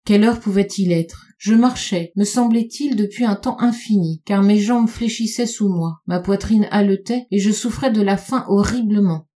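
Mellow-voiced woman reading a literary tale. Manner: measured, slows and lowers her voice on dark repeated phrases. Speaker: audiobook reader. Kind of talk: literary audiobook narration.

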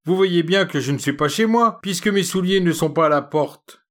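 A man voicing an irritated young male student who shouts from his bed, in a raised voice. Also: sits high, moderate pace, voice pushed up.

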